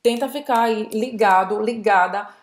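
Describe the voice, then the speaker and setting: A woman with a Brazilian accent co-hosting a conversational French lesson, explaining grammar and slowly demonstrating pronunciation. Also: mid-range voice. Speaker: French teacher, co-host.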